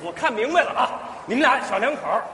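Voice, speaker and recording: A man in a stage comedy sketch, hurried and placating as he tries to calm people down. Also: very high-pitched. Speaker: sketch comedian playing a station worker. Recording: reverberant stage hall, faint noise.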